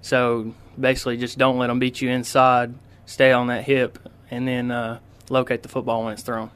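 A teenage boy, a high school football player answering interview questions politely, with lots of ums and uhs. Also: completely flat delivery, normal speed, fairly bright tone, smooth. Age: teens. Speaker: high school quarterback guest. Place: radio studio.

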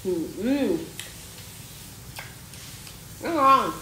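A woman's voice: fairly high pitch, animated, very slow, background noise. A woman talking while chewing, chatting casually and raving about the food in an eating vlog. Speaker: mukbang vlogger. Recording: echoey room with faint ambience.

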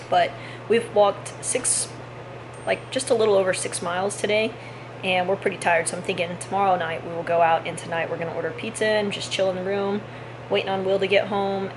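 A woman in her thirties from Texas, chatting casually for a travel vlog into a handheld camera, rambling with fillers and restarts. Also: medium pitch. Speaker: vlogger. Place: outdoors in city streets and train station, later a hotel room. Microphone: handheld camera at arm's length. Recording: street and traffic noise behind.

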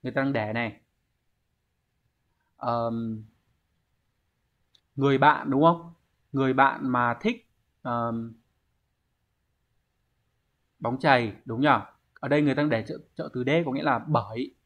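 Unhurried and prone to long pauses, a man with a mid-range voice and Vietnamese accent works through a Japanese exam lesson. He explains the answers one step at a time and quizzes himself as he goes, on a dull lo-fi recording.

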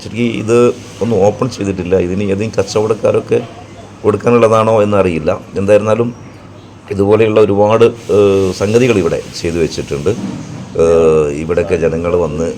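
A man with a Kerala Malayali accent narrating a casual travel vlog in halting, repetitive phrases. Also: on the low side, a little mellow. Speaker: vlogger and narrator. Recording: clear background noise, outdoor ambience.

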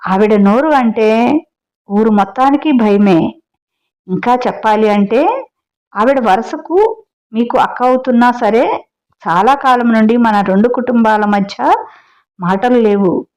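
A woman's voice: a little high, expressive, measured pace, pauses often, darkish tone. Woman voicing a worried, cautious mother. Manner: fearful, cautioning. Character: worried cautious mother warning her husband.

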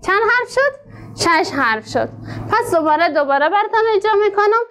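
A woman teacher with an Afghan Dari accent, slowly sounding out words for her pupils and then quickly asking them questions. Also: extremely high pitch, very animated, fairly bright tone. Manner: slow syllable-by-syllable drilling, quick questions to pupils. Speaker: literacy teacher. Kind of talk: classroom lesson.

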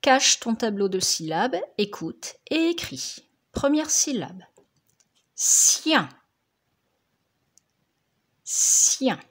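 A woman teacher reading syllables aloud slowly and clearly for young pupils, repeating each one for dictation. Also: on the high side, very animated. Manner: slow, carefully articulated, repeating each syllable. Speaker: primary school teacher.

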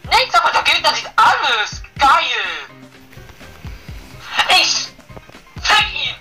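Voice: high voice, big pitch swings, takes it slowly, recorded from a distance, over music. A gamer, swearing and ranting in exasperation while playing and chatting with a friend. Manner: ranting, foul-mouthed, exasperated. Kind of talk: gaming commentary, casual chat with a friend.

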